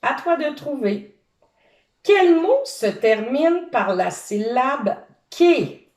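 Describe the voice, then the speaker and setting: A woman reading a children's picture book aloud, pausing to ask her young listeners questions. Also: sits high. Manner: slow, animated, quizzes young listeners. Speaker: storyteller for children. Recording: roomy, distant from the mic.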